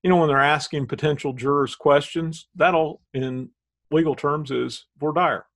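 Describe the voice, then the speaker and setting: A man's voice: a little high, fairly even intonation, moderate pace, a bit bright. A middle-aged man with a Southern Indiana Hoosier accent, talking casually and explaining things as a podcast co-host.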